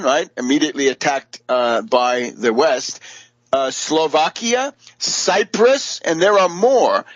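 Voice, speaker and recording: A man's voice: fairly high pitch, no room sound, muffled recording. A man from the United States hosting a radio show, giving a combative, sarcastic political commentary monologue. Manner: combative, sarcastic, mocks opponents.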